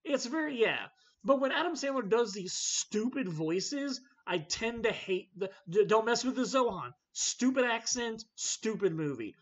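Animated ranting man hosting. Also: extremely high pitch, unhurried. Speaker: podcast host. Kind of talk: casual movie chat. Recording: slightly dull lo-fi audio.

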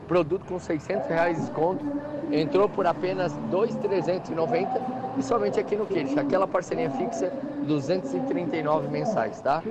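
A man with a southern Brazilian accent giving an insistent hard-sell live ad as a store manager, repeating prices and deals. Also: sits high. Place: outdoors or storefront by a busy avenue. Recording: dull outside-broadcast line, clear street noise. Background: noisy traffic.

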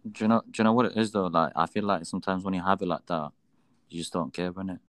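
Male. Deep voice, rapid casual group-chat delivery, dry sound. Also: a bit bright, no room sound.

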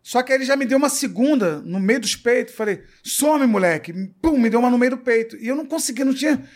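A Brazilian man with a high voice tells a story in a relaxed interview. He swears freely and acts out the lines of the people in his tale, with lots of life in his delivery. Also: very fast. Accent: Brazilian Portuguese. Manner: profane, animated storyteller acting out quoted dialogue. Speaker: comedian guest.

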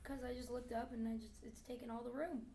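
A teenage girl with a raspy voice, chatting and asking questions in a casual talk among friends. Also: fairly high pitch, level tone, quick pace, mellow, slight background noise. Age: teens. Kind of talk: casual chat.

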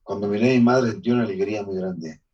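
The recording is dull and the mic distant as a man from Mexico, with a Mexican accent, tells his life story to an interviewer. His voice is fairly low, quick, and a little mellow. He is earnest and emotional and sometimes restarts what he's saying.

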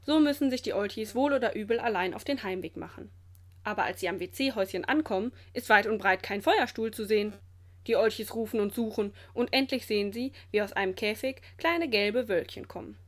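A woman reading a children's storybook aloud in a lively, clear storytelling manner. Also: medium pitch, a little fast. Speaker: storybook reader.

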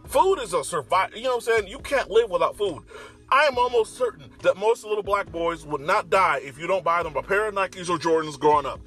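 An American man delivers an opinionated, conversational rant in a somewhat high voice. He has a slight lisp and talks bluntly with plenty of swearing. Music plays behind him. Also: animated, fairly quick, fairly bright tone. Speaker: online commentator.

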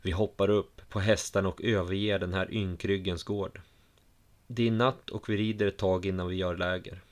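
A man reading a first-person adventure story aloud in a calm, measured way. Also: deep voice. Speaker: narrator. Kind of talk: first-person audiobook narration.

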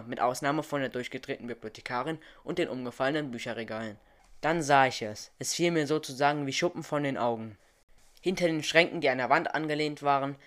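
A man narrating a story chapter aloud, reading lively and raising his voice for the characters. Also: mid-range voice. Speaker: audiobook narrator.

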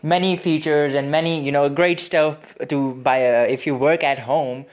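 A man's voice: fairly high pitch, steady tone, normal speed. A young man from Pakistan hosting a casual motivational podcast, chatting in a rambling way with many fillers and restarts. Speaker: podcast host.

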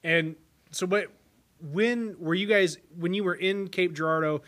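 A man's voice: high-pitched, unhurried, a bit bright. An American man hosting a casual interview, effusive and jokey, with a rambling way of talking. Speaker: podcast host.

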